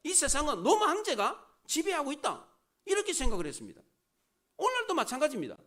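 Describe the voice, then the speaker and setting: A man's voice: very high voice, huge pitch swings, fairly quick, fairly bright tone. A male pastor delivering a sermon, full of rhetorical questions and dramatic rises and drops.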